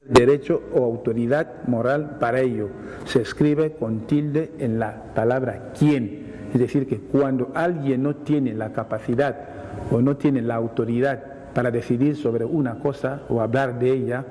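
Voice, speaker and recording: A man explains word usage on a TV program in a measured, patient way. He reads definitions, restates them, and gives everyday examples. His voice is dark and mellow, and it sounds a little reverberant with faint hiss behind it. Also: mid-range voice, fairly even intonation. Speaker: language academic answering viewer questions. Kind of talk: explanatory TV segment.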